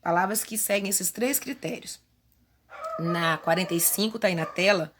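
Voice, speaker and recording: With a voice on the low side and a moderate pace, a female primary teacher from Brazil guides a remote class through workbook exercises. She stays patient, goes step by step, and uses diminutives, with background noise audible.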